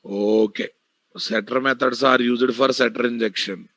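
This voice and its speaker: A man's voice: mid-range voice, fairly even intonation, measured pace, fairly bright tone, no echo. A man with an Indian Telugu accent teaching a live online programming class, bluntly addressing students and repeating key phrases. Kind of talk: live online technical lecture.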